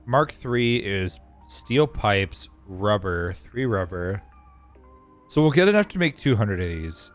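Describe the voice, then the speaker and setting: A man's voice: on the low side, big pitch swings, slow pace, faint music behind. A man chatting casually with his viewers during a live game stream, rambling and thinking aloud as he plays. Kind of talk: casual live-stream chat while gaming.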